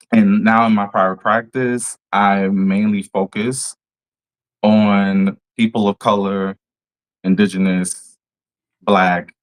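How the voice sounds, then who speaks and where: A man from New Orleans with a New Orleans accent, a therapist talking as a podcast guest in a measured way. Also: deep voice, low-quality recording. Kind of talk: casual podcast conversation.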